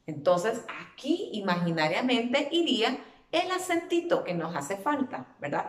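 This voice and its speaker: A woman teacher giving a spelling lesson to children, patiently drawing out and repeating words as she explains. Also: mid-range voice. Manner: patient, drawn-out repetition of words. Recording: echoey room.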